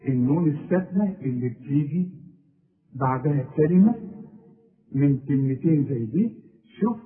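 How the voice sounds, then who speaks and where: A man with an Egyptian accent teaches tajweed, pitching his voice a little high and swinging it widely as he stretches out recited example words. He speaks very slowly and keeps asking the listener questions. The sound is thin and tinny, like a phone line. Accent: Egyptian Arabic.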